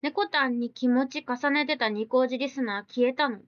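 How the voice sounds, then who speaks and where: On a muffled recording with no echo, a high-voiced woman streams live and chats casually. Reading comments from viewers out loud, she answers with blunt teasing comebacks and quick questions.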